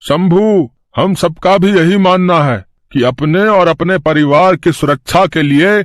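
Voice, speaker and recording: A calm village headman reasons with a neighbor in a high voice for a man, as a man puts him on. The cartoon voice sounds dry and close. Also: measured pace, dry recording. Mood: persuasive. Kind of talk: cartoon voice acting.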